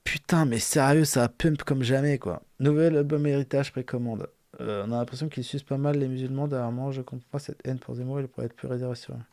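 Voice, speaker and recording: A man's voice: mid-range voice, fairly even intonation, fast, few pauses, dark tone. A man hosting a casual live stream, talking bluntly and mockingly with slang and swearing. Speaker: streamer host, rapper.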